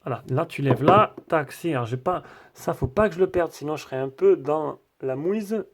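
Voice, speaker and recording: A man's voice: a little high, lively intonation, moderate pace. A man doing a casual, rambling tech review, full of fillers and restarts.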